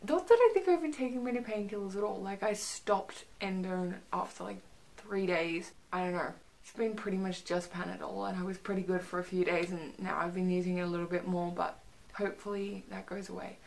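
Creaky young woman, slightly restricted jaw. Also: mid-range voice, fairly quick, a little mellow, low-quality recording. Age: young adult. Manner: rambling, hesitant, frequent "like". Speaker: vlogger. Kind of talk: casual chatty recovery update to camera. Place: small bedroom, indoors.

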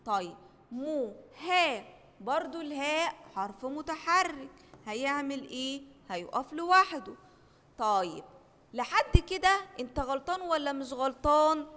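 Egyptian woman as primary teacher, high bright voice, quizzes her class call-and-response, recorded in a reverberant room. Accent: Egyptian Arabic. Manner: asks questions and answers them herself, call-and-response. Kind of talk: children's classroom lesson.

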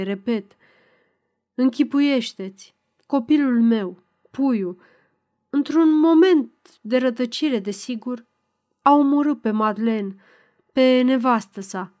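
A woman's voice: fairly high pitch, close to an everyday voice. Woman reading as a stern elderly father. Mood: grave. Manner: clipped, measured, at times grating. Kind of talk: audiobook reading.

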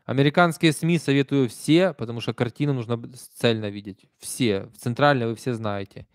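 A Ukrainian streamer in his thirties, accent Kyiv Russian, reads viewer comments during live stream chat, speaking conversationally and emphatically with soft asides. His middle-pitched voice moves briskly. He sits in a small indoor room close to a desk stand mic, and the sound is dry without echo.

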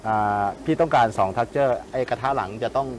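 A man's voice: medium pitch, brisk, background noise. A man working as a chef on a cooking show, giving practical, step-by-step instructions in a casual, sometimes teasing way.

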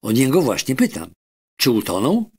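A man's voice: medium pitch, wildly swooping pitch, moderate pace, slightly rough, pitched above the performer's own voice. A man voicing a kind, patient animal doctor who soothes a child, in a children's audiobook. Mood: gentle. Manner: soothing and gentle.

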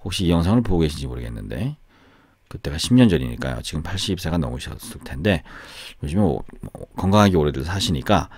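Lively Korean man teaching English sounds. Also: very deep voice, quick pace, breathy edge, no echo. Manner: lively, repeats words with exaggerated stress. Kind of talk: casual explanatory lesson.

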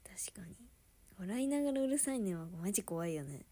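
A woman chatting casually with viewers on a livestream, giggling often and sometimes dropping to a soft murmur. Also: medium pitch, expressive, brisk.

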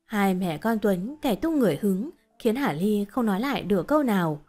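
Woman storyteller, mid-pitched, steady scripted reading, faint music behind. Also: brisk. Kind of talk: scripted narration of a short story.

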